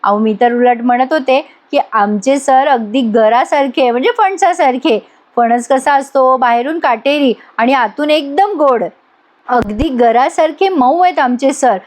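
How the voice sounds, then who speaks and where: A woman's voice: high-pitched, measured pace. A woman voicing a flustered, eager young female student in a TV serial recap. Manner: eager, fussing.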